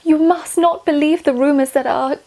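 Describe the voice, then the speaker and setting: High loud pleading tudor queen, woman putting it on, dramatic begging. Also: steady tone, normal speed. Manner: theatrical, old-fashioned pleading speech.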